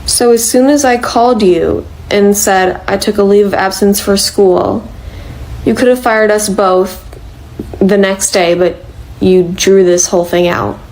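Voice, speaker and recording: A woman's voice: mid-range voice, steady tone, unhurried, darkish tone, lightly acted, rough recording. A woman voicing a frustrated young female worker in a comedy cartoon, protesting and indignant. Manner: exasperated, protesting. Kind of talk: animated comedy dialogue.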